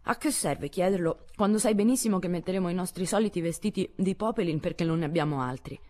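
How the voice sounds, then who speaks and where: A woman reading an audiobook, voicing a careless, tomboyish teenage girl who speaks bluntly with a husky edge. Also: fairly low pitch, fast talker, dark tone, pitched above the performer's own voice, lightly acted. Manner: blunt, offhand.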